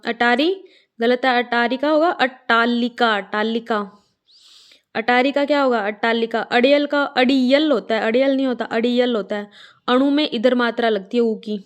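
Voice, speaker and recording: A woman runs a spelling lesson, her voice sitting a little high. She drills each word by asking and answering it over and over. At times she slows right down to sound out a word piece by piece. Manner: repetitive call-and-response drilling; slows to spell words out syllable by syllable. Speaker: Hindi spelling teacher.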